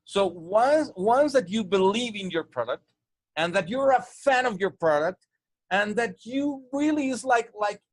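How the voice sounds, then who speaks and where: A man from Mexico with a Spanish-tinged English accent coaches on sales in casual chat, his high-pitched voice lively yet unhurried. He often restarts, repeating and stumbling over words. The recording is dry.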